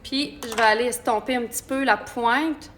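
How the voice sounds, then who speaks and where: A woman's voice: fairly high pitch, fairly even intonation, normal speed, a bit bright, soft background music. A woman with a Québécois accent giving a chatty live makeup tutorial and talking viewers through each step. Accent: Québécois French. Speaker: makeup artist.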